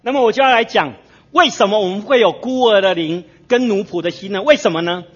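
A man's voice: high voice, brisk, slightly rough. A male pastor preaching a sermon in a church, telling stories and asking the congregation to fill in the blanks. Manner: storytelling with frequent tag particles. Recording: dull lo-fi sermon recording.

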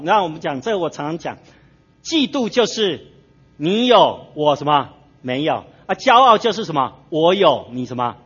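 In a church sermon, a male pastor tells stories peppered with tag particles and invites the congregation to fill in the blanks. He has a high, fairly bright and slightly rough voice, and the recording sounds dull and lo-fi.

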